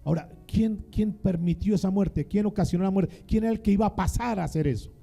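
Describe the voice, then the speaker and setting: A male pastor preaches dramatically in call-and-response style, asking the congregation questions and having them repeat his phrases. His voice is fairly high and gravelly yet dark and mellow in tone, moving a little fast, with faint music playing behind him.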